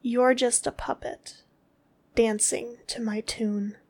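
Woman, very slow measured delivery, commanding, scornful, frequent breathy whispers, higher voice. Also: level tone, a little mellow. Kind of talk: scripted dominant roleplay audio.

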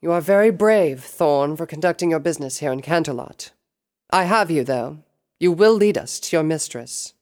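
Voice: mid-range voice, expressive, normal speed, darkish tone, voice pushed up, natural voice. A narrator voicing a regal, grim pony princess of the night in a fantasy audiobook, with a commanding manner. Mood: triumphant, commanding.

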